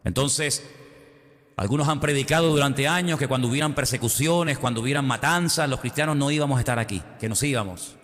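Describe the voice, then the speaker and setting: A man's voice: medium pitch, a little fast, fairly bright tone, long reverb tail. A male pastor preaching a sermon, telling Bible stories dramatically and acting out their voices. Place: church.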